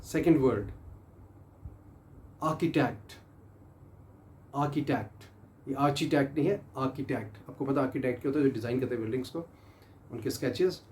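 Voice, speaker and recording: A man who teaches English, going slowly through a pronunciation lesson and repeating each word for the learner. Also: medium pitch, a little mellow, a little hiss or hum. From Pakistan.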